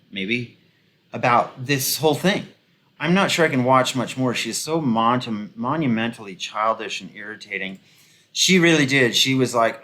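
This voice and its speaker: A man's voice: medium pitch, pushed and bright. A man giving casual, rambling commentary full of ums and restarts, with a sarcastic, mocking edge. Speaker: video commentator.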